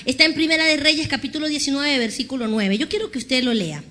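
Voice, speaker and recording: A woman pastor preaching an animated sermon, acting out conversations and having the congregation repeat after her. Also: sits high, fast talker. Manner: animated storytelling, acts out dialogue with God.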